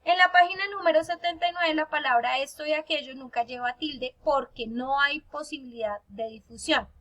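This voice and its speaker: A woman's voice: high-pitched, moderate pace, a bit bright. A woman teacher giving a recorded online lesson to her pupils, explaining step by step and checking in with her listeners.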